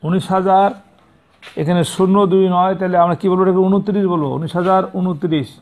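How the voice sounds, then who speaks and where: A man's voice: high voice, flat delivery, quick pace, a little mellow. A man teaching a math lesson to young pupils, patient and repetitive, stopping to correct how numbers are said and spelled. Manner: patient, repeats and corrects pronunciation. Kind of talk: classroom lesson. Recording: tinny phone-like sound.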